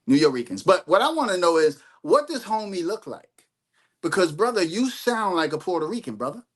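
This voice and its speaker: A man's voice: high voice, sing-song, moderate pace, no echo. A man arguing informally on a live stream in street slang, insistent and dismissive, repeating his demands.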